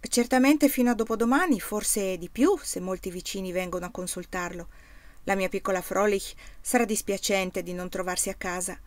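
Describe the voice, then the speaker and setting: Hearty, steady farm master, read by a woman, reassuring tone, storybook, dry sound. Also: mid-range voice, normal speed, no room sound, close to an everyday voice. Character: older male farm master, cheerful and steady. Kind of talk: audiobook reading.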